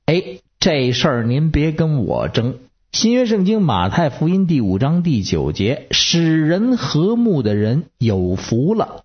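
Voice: mid-range voice, slightly rough. A preacher gives a folksy, conversational sermon, telling stories and putting rhetorical questions to the listeners. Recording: dull lo-fi recording.

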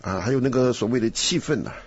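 A man hosting a casual Bible study chat, animated and rambling with frequent laughs. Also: mid-range voice, fast, husky. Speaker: host. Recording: dull lo-fi recording.

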